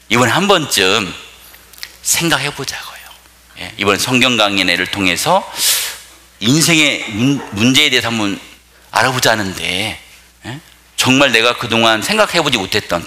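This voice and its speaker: A male pastor preaches with a forceful, bright voice and a lively pitch. He jokes and keeps asking the audience questions. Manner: joking, asks the audience questions. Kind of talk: sermon.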